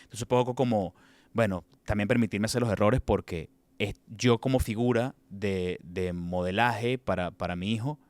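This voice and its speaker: A man's voice: lowish voice, normal speed, a little mellow, no echo. A man with a Venezuelan accent talking about fatherhood in a casual chat, often stumbling and repeating words. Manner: hesitant, repeats and restarts words. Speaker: father in a podcast conversation.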